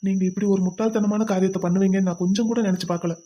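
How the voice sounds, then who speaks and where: A woman's voice: medium pitch, fairly even intonation, very fast, mellow, highs cut off, natural voice. A woman voicing a stern young husband in a cartoon who lectures and scolds. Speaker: cartoon voice actor. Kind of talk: cartoon voice acting.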